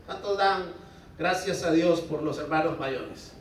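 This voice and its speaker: A man's voice: a little high, measured pace, very echoey, distant mic, background noise. A male pastor preaching a sermon in a conversational way, often asking the congregation to respond. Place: church hall.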